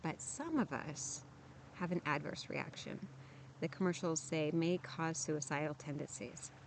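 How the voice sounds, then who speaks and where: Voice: medium pitch, creaky, a little hiss or hum. A vlogger talking candidly to camera outdoors at a campsite, sharing lived experience in a frank, earnest, plainspoken way with frequent restarts. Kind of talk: candid personal talk to camera.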